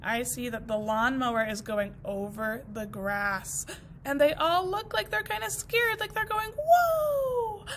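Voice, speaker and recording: A first grade teacher reading a picture book aloud, expressive and encouraging, pausing to ask her class questions. Her voice sits high and bright, and she takes her time. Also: a little hiss or hum.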